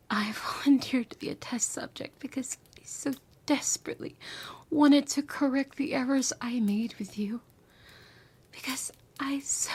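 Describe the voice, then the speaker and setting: In a tender confession, the woman playing the obsessive, lovesick former bully from the future speaks in a high, slightly mellow voice. It's an intimate ASMR roleplay, emotional and halting, breathy and frequently whispered.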